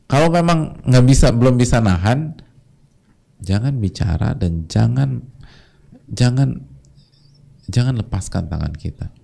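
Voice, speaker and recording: A man's voice: mid-range voice, lively intonation, measured pace, vocal fry, long pauses, dark tone. A male preacher giving a casual, chatty sermon to a congregation, sometimes briefly mimicking the voices of his listeners.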